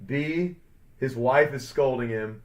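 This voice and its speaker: A man's voice: medium pitch, slow. A man co-hosting a sports podcast in casual chat, rambling with lots of fillers and upbeat hype. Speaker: podcast co-host. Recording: dull lo-fi sound.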